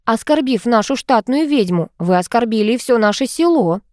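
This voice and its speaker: A woman's voice: fairly high pitch, expressive, moderate pace, darkish tone, dry recording, clean studio sound, close to an everyday voice. A woman voicing a kindly, earnest middle-aged male village head in an audiobook. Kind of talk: audiobook character voice.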